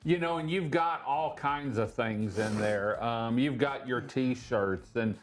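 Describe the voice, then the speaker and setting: A man's voice: mid-range voice, slow. A man hosting a casual local interview, upbeat and promotional as he guides the talk. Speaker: interview host.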